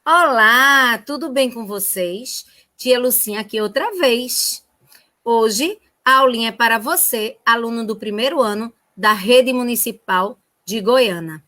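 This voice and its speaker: A woman's voice: a little high, measured pace, bright, forceful tone. A Brazilian woman teacher giving a remote lesson to first graders in a sing-song, child-directed way. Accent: Brazilian Portuguese.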